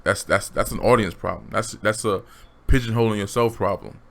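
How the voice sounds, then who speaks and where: A man's voice: on the low side, a little fast, vocal fry, a bit bright. A man giving blunt, slangy opinion commentary straight to his viewers. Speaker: commentary vlogger.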